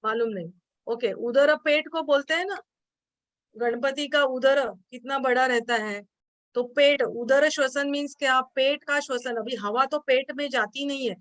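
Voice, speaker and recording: A woman's voice: high-pitched, measured pace, a bit bright, dry recording. Dry-sounding Marathi-accented woman teaching. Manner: explanatory, hesitant with fillers, asks students questions. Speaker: yoga teacher. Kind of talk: classroom lecture.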